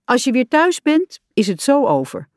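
A woman's voice: high-pitched, sing-song, moderate pace, no room sound, studio quality, pitched above the performer's own voice. A woman voicing an impatient, bossy male rat in a storybook, stern and eager for adventure.

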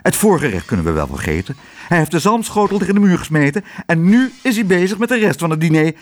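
A man reading a storybook aloud and voicing a bossy woman who owns a hotel, scornful and shrill. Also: huge pitch swings, moderate pace, husky, full character voice. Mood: agitated.

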